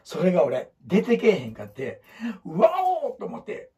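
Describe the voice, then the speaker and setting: With a slightly high, creaky, dark-toned voice, a man talks briskly in a sing-song manner and an Osaka Kansai accent. He's a photographer giving life advice at a whiteboard, casual, blunt and rambling, acting out quotes in other voices.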